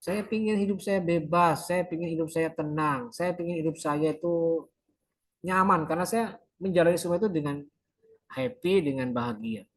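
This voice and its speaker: A worn-out teenager pleads for a quiet, easy life, as a male lecturer puts him on during a class. The voice stays close to the speaker's own everyday tone. It has a tired, pleading lilt. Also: a little high, normal speed, close to an everyday voice. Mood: weary pleading. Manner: weary, pleading. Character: tired teenage child talking to a counselor.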